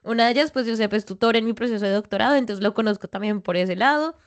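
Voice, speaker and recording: A woman's voice: fairly high pitch, fast. A young woman hosting an academic interview podcast, speaking conversationally with frequent fillers.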